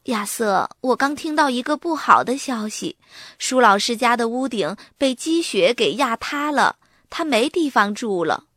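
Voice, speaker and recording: A woman voicing a patient mother aardvark who explains things calmly in a children's story. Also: on the high side, a little slow, no room sound, studio quality. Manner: calm, explaining.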